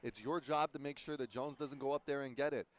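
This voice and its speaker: A man's voice: mid-range voice, steady tone, brisk. Man breaking down basketball plays. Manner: explanatory, breaks down the defense. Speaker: color commentator. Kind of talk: basketball game analysis. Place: gym broadcast booth.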